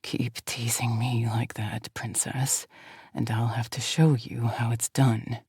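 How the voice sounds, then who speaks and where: A woman voicing an intense, commanding male Fae prince who speaks in a rough, low mutter. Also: flat delivery, slow pace, darkish tone, dry recording, clean studio sound, exaggerated voice. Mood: teasing.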